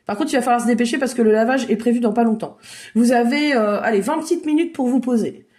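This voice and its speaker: High-voiced woman leading a kids' drawing class. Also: fast. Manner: lively, encouraging, make-believe narration. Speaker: children's drawing workshop leader. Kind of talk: playful storytelling drawing lesson for kids. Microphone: video call.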